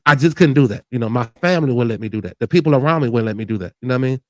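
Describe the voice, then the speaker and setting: A man's voice: medium pitch, lively intonation, racing, darkish tone, no room sound. A man in his forties talking candidly and earnestly about his own life, often restarting and adding "you know what I mean". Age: 40s. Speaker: show host. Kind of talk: candid personal talk.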